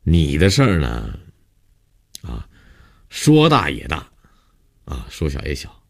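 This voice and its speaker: A stern middle-aged police captain from a storybook, lecturing a suspect with long pauses and drawn-out fillers, as a male narrator acts him out. The voice sits extremely deep and gets louder and pushier as he presses. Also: huge pitch swings, gravelly, full character voice. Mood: coaxing. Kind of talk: audiobook character voice.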